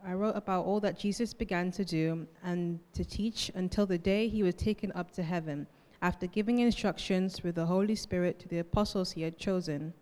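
A woman reading aloud from the Bible to a church, a little halting as she corrects herself. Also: lowish voice, fairly even intonation, a little mellow. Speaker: scripture reader in church. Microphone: handheld microphone held close. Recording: echoey hall with long reverb.

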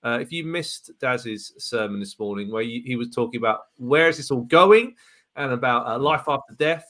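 Bright, upbeat male podcast host. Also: medium pitch, expressive, moderate pace. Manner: chatty and upbeat, laughs easily, fillers. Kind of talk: casual live-stream chat.

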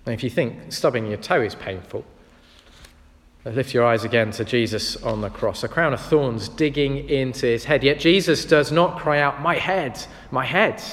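A man's voice: mid-range voice, moderate pace. A man preaching a sermon, earnest and reflective as he tells stories. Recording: long reverb of a large hall.

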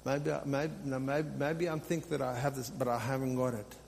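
Here the preacher's mid-pitched voice is darkish with vocal fry, delivered flatly at a moderate pace. As a pastor giving an extemporaneous teaching, he exhorts the flock and repeats key phrases. The recording carries reverb from a large live room plus slight hum and noise.

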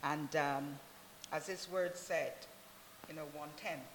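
A woman from Barbados, a church member, giving a soft, unhurried testimony in an interview. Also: deep voice, fairly even intonation, in a large hall, a little hiss or hum. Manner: soft-spoken, unhurried, many "really"s.

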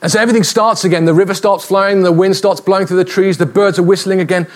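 A man giving a sermon, lively and humorous, with a fairly high pitch for a man. He talks conversationally and builds stories with a light touch. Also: quick pace. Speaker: preacher. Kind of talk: sermon with storytelling.

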